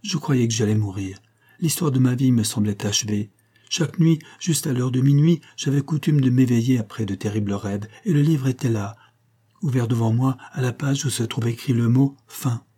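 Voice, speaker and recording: A man voicing a gravely ill young mill owner who speaks faintly and haltingly, with tender feeling. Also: mid-range voice, dark tone, lightly acted. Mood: tender, weak.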